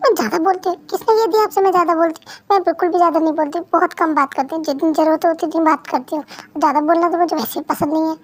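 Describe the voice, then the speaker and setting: A woman voicing a talkative, dramatic young wife who argues fast and indignantly in a fan-made dub. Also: extremely high pitch, fairly even intonation. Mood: sassy. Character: chatty, dramatic young wife, quick to tears. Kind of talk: fan Hindi dub role-play.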